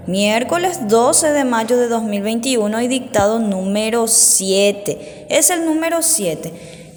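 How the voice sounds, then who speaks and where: Slow patient teacher in an echoey room. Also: female voice, a little high. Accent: Paraguayan Spanish. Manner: slow, patient, spells out words and syllables. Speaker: primary school teacher. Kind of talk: recorded remote dictation lesson for young children. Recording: roomy echo with long reverb.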